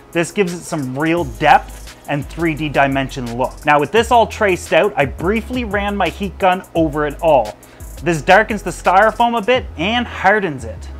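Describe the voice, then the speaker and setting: Man in his thirties, DIY host, slightly high voice, upbeat casual narration, light music underneath. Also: a bit bright. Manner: upbeat, chatty, jokey asides. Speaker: DIY aquarium video host. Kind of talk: casual build narration to camera. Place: basement room at home. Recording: faint background music.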